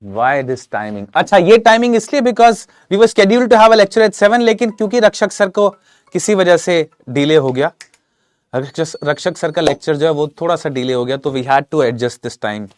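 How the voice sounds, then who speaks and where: A man's voice: on the high side, expressive, unhurried, dry recording. A man teaching a live online English class while suffering from a sore throat and a cold, chatty and reading out names and comments from viewers.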